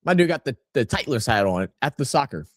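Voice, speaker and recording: A man's voice: medium pitch, sing-song, fairly quick, no echo. Casual male watch-along streamer, dry sound. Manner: casual, rambling, reads out chat messages. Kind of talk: live watch-along commentary.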